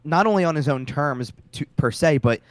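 A man's voice: fairly high pitch, lively intonation, moderate pace, no room sound. A man co-hosting a casual sports podcast, often restarting and repeating words as he makes his point. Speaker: podcast co-host.

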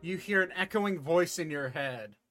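A man with a bright, slightly high voice runs a tabletop game. He narrates casually and haltingly as game master, with faint music behind him. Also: animated.

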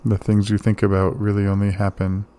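A man gently delivering a calm bedtime relaxation monologue, soothing and unhurried, with pauses. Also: fairly low pitch. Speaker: host of a sleep relaxation show.

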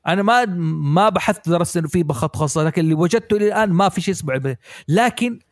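A man hosting a podcast, explaining ideas in a lively way and asking his guests for their views. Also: high-pitched, rapid-fire, dry recording, clean studio sound. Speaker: podcast host. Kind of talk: casual podcast discussion.

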